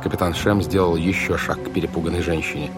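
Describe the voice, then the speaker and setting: A man narrating a storybook in a measured, expressive reading style. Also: deep voice, music in the background. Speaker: audiobook narrator.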